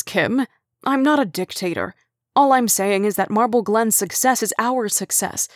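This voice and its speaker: A middle-aged male mayor reasons patiently and tries to calm everyone down, as a woman narrator voices him. She keeps close to her own voice, in a dry, close recording. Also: medium pitch, no room sound, lightly acted. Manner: placating, reasonable.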